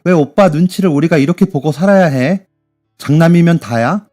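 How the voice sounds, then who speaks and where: A man's voice: on the high side, moderate pace, warm tone, soft background music, pitched above the performer's own voice, lightly acted. A man voicing a teenage daughter who tearfully reproaches her mother. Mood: tearful, pleading.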